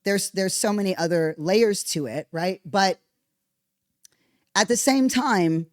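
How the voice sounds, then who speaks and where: Woman host, blunt, profane, animated commentary, dry close sound. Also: medium pitch, takes it slowly, dry recording. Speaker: podcast host. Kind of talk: casual commentary on played clips.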